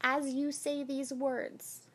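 Female life coach, slightly high voice, gently directive and encouraging in a one-on-one session. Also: little pitch movement, takes it slowly.

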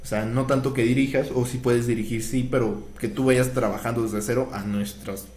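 A man's voice: medium pitch, normal speed. A man, casually telling film anecdotes on a podcast and acting out the quoted dialogue. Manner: animated retelling, acts out quoted dialogue. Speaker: guest telling film history. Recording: echoey room, faint ambient noise.

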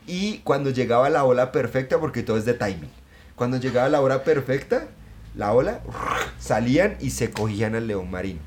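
Excitable, profane man. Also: medium pitch, fairly quick, slight background noise. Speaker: podcast co-host. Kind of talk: casual chat.

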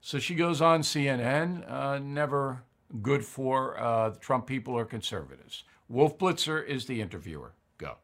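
A man's voice: medium pitch, expressive, normal speed, fairly bright tone. A man hosting an opinion commentary show, talking bluntly and conversationally with frequent fillers.

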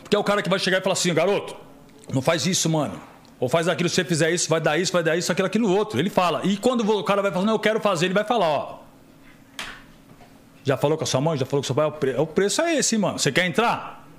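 Fast-talking middle-aged Brazilian man. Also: high-pitched. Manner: animated storyteller, acts out quoted dialogue. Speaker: podcast guest. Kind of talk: casual podcast conversation.

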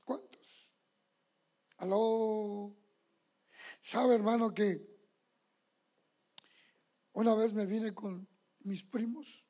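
A man's voice: high voice, fairly even intonation, very slow, long pauses, warm tone. A man preaching a sermon as pastor, fervent and calling his listeners brothers.

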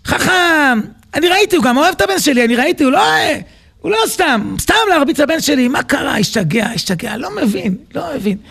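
A man's voice: extremely high pitch, lively intonation, vocal fry, fairly bright tone, exaggerated voice. A man voicing a troubled king who asks himself puzzled questions. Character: worried, bewildered male king.

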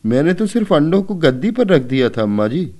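A man's voice: mid-range voice, very animated, normal speed, warm tone, pitched above the performer's own voice. A man voicing a bossy, anxious young boy who scolds his little sister in a storybook reading. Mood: whining.

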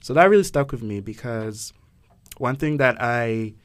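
A man's voice: medium pitch, animated, unhurried, clear, resonant tone. A young man from Ghana hosting a casual podcast discussion, thoughtful and hesitant, with many fillers and restarts. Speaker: podcast host.

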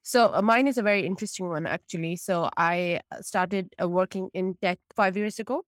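A woman's voice: fairly low pitch, fairly quick, no room sound. A woman in her late twenties from Pakistan, a tech consultant chatting candidly as a podcast guest. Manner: chatty, candid, many restarts. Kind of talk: podcast interview.

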